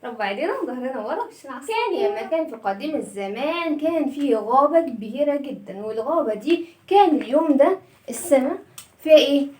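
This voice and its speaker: Egyptian lady teacher, high voice, singsongy with little kids, asks n answers herself, bit far from mic in an echoey room. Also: lively intonation, fast talker, darkish tone. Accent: Egyptian Arabic. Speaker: children's reading teacher. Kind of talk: lively lesson for young children.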